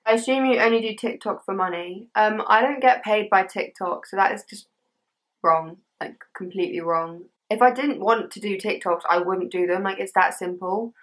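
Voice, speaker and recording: A woman's voice: mid-range voice, moderate pace, fairly bright tone, low-quality recording. A young adult woman with an English accent, chatting casually as a social media creator. She talks in loose British teen slang and peppers her sentences with "like". The style is informal, like reading out questions and answering them straight to camera. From England.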